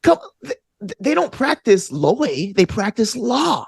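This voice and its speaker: Recorded dry and at studio quality, a twenty-something actor studying stage combat talks as an interview guest with an Alabama Southern accent. His high, sing-song voice moves a bit slowly and has a creaky, breathy edge, while his talk stays casual, enthusiastic, and full of slang.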